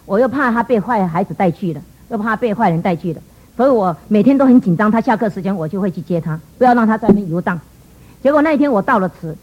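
Fast-talking husky middle-aged woman. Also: a little high, poor audio. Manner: earnest, animated storytelling with quoted dialogue. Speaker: church testimony speaker. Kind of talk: emotional personal testimony.

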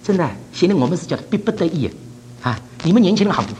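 A man's voice: high voice, lively intonation, fast, a little mellow, a little hiss or hum. An older man from China preaching a sermon, laughing often and mixing English words into his talk.

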